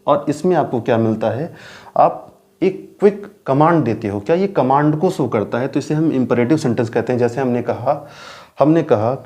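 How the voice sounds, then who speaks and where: Indian male grammar teacher, mellow voice, poses questions and answers them, drills key terms. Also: mid-range voice. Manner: keeps asking rhetorical questions and answering them himself; repeats key words slowly for emphasis. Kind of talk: classroom grammar lecture.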